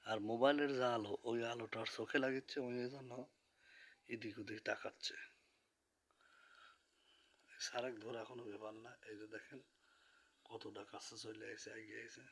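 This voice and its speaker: A man quietly narrating a late-night home vlog about his pet bird, speaking softly so the neighbors can sleep. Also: on the low side, fairly even intonation, normal speed, pauses often, slightly rough. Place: indoors at home, in bed.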